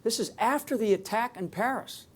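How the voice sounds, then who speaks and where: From a stage, a man talks off the cuff about security to a live crowd, rambling with emphasis and often beginning sentences again. His high voice moves at normal speed and carries a breathy edge.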